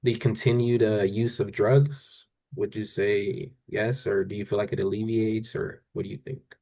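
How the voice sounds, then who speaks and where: A man with a fairly low voice plays a therapist in a one-on-one counselling session. He is calm and gentle. His questions come out haltingly and tentatively, and he often rewords them as he goes. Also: vocal fry. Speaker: therapist in a role-play session. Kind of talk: counselling role-play, unscripted conversation.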